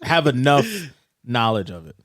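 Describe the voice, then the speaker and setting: A man's voice: mid-range voice, sing-song, moderate pace, a bit bright, a little hiss or hum. A man co-hosting a casual film podcast, teasing and laughing through his words. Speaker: podcast co-host.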